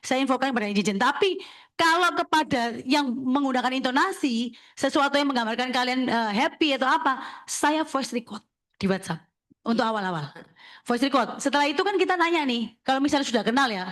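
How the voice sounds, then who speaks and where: A woman, an insurance agency leader briskly coaching listeners and checking in with them as she talks. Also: sits high, fairly bright tone. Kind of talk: sharing tips at a talk session.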